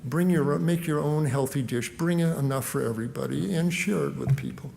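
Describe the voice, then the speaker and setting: A man, a physician, giving a lively, conversational health lecture that talks the listener through everyday food choices. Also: a little high, moderate pace, vocal fry, slight background noise. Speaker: physician giving a nutrition talk.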